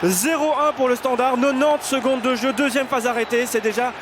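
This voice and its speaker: A man's voice: very high-pitched, a little fast, a crowd in the background. A man calling a football match live alongside a co-commentator. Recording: noisy stadium ambience.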